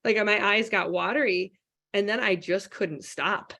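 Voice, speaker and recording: A woman's voice: mid-range voice, measured pace, vocal fry, bright, forceful tone. A woman teacher speaking earnestly and reflectively at a conference, with frequent restarts. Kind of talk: conference talk. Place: conference hall.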